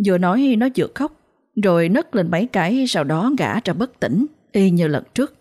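Woman storyteller, lower pitch, steady plain ghost-story read. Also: moderate pace, husky.

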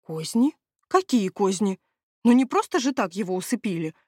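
A woman's voice: medium pitch, sing-song, moderate pace, darkish tone, dry recording. A grumbling male castle steward who wheedles and dodges, always fretting about his own plans, read by a woman. He haggles rather than answers. The storybook sound is dry and close. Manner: whining, evasive, haggling. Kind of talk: audiobook character reading.

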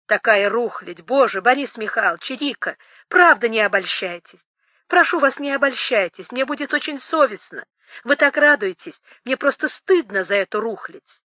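A frightened, embarrassed woman who stammers out apologies in halting phrases, read by a woman. Her voice is bright and close, recorded dry. She sounds timid and easily shaken. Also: a little high, expressive, dry recording. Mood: flustered. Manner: anxious, apologetic, faltering.

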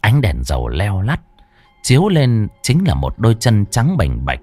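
A man's voice: fairly low pitch, huge pitch swings, a little slow, darkish tone. A man narrating a ghost story in a dramatic, scripted way. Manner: dramatic, swooping storytelling delivery. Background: faint background music.

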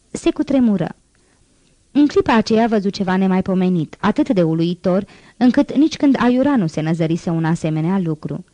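A woman narrating a classic novel as an audiobook, in a measured, dramatic reading. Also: on the low side, mellow, dry recording. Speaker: audiobook reader.

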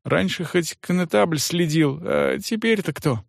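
A man's voice: a little high, expressive, unhurried, vocal fry, dry recording, clean studio sound, voice pushed up, heavily acted. A man voicing a simple, chatty peasant servant who talks in a folksy, rambling singsong. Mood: gossipy. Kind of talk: audiobook character voice.

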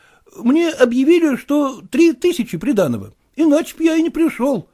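A man voicing a young male suitor, high-pitched, whiny, deferential. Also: big pitch swings, normal speed, warm tone. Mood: pleading. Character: young male suitor, cocky yet fawning.

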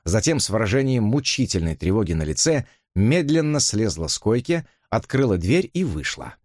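A man reading a novel aloud as audiobook narrator, in an expressive literary style. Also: lowish voice, moderate pace, no echo, clean studio sound. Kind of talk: scripted narration.

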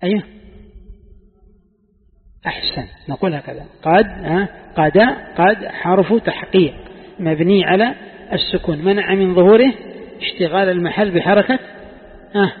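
A man's voice: high voice, normal speed, long pauses. A man teaching a class on Quran commentary, quizzing his students and repeating key phrases for emphasis. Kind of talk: classroom lesson. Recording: tinny phone-like sound in a long-reverb hall.

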